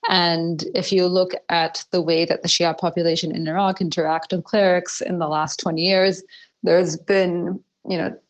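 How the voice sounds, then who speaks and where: Low-voiced woman explaining her research. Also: flat delivery, rough recording. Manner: measured, with fillers and restarts. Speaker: research fellow, podcast guest. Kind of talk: explanatory interview answers.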